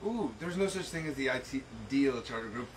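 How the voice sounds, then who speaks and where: A man's voice: medium pitch, lively intonation, brisk. A man who works as a yacht captain, talking casually and jokily about the boat and his sailing life, often repeating words. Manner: easygoing, jokey, repeats words. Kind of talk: casual interview. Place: aboard a catamaran. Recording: distant mic with background noise.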